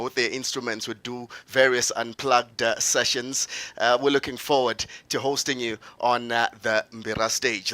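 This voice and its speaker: A South African man who presents radio, announcing festival acts on stage with lots of filler pauses and bits of local languages. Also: medium pitch, bright, forceful tone, no echo. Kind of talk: live event announcement.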